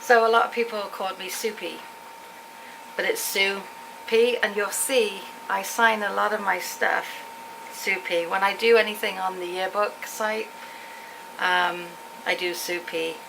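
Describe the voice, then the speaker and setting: A woman's voice: mid-range voice, fairly even intonation, moderate pace, creaky, noisy background. A middle-aged woman from England, chatting casually to viewers in a rambling, anecdotal vlog style. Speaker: vlogger.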